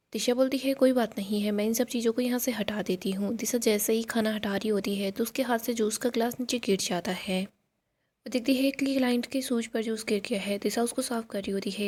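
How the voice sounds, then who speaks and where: A woman's voice: medium pitch, a little mellow. A woman narrating a TV serial episode in storytelling style, reading out each character's lines in her own voice.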